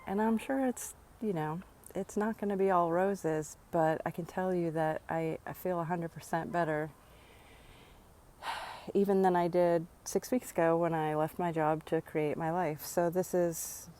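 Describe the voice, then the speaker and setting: Low-voiced earnest woman vlogging outdoors. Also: steady tone, a little slow, warm tone. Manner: earnest, reflective, sighs between thoughts. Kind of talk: motivational personal vlog. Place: outdoors near her home.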